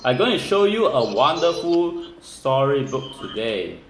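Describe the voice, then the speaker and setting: A man's voice: mid-range voice, big pitch swings, unhurried, background noise. A man reading a picture book aloud to children over a video call, acting out the animal sounds with lots of energy. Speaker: children's storyteller. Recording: echoey room.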